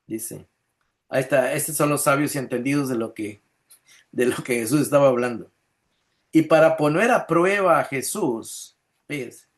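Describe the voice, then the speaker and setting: A man pastor, preaching a conversational sermon with frequent restarts, acted-out quotes and checks on his listeners. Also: fairly high pitch. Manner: chuckles often, asks listeners "¿verdad?".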